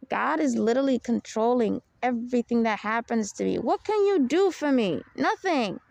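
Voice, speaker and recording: A young woman hosts a personal podcast in a deep, low, gravelly voice with a darkish tone, speaking animatedly at a moderate pace. She rambles and confides, often saying "you know" and laughing softly, in a dry, close recording with no room around her.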